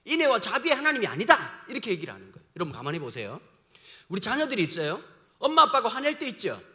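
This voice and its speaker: A man's voice: sits high, huge pitch swings, quick pace, pushed and bright. A male pastor preaching a sermon in a joking, slangy way, often asking the congregation questions.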